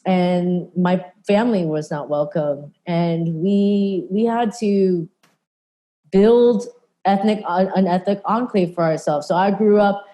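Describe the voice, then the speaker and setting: Slow and mellow, this Californian woman's voice sits on the low side as she joins a panel conversation. Her earnest speech is full of fillers and false starts.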